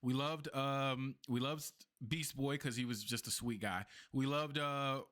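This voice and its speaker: A man's voice: mid-range voice, fairly even intonation, unhurried, fairly bright tone. A man co-hosting a podcast in casual chat, talking emphatically and repeating himself for effect. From not from New York. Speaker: podcast co-host.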